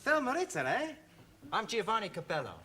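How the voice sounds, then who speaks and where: A cheery Italian student who jokes with an Italian accent and mangles his English. His pitch leaps about in a lively way over a very noisy sitcom soundtrack. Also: fairly quick. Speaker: adult student at a pub. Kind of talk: 1970s studio sitcom acting.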